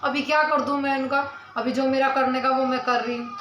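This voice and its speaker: Woman, high voice, earnest and defensive, talking to viewers, roomy echo, faint background ambience. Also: flat delivery, a little fast, fairly bright tone, slight background noise. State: mouth pain while speaking. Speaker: village vlogger. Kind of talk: talking to camera, answering comments.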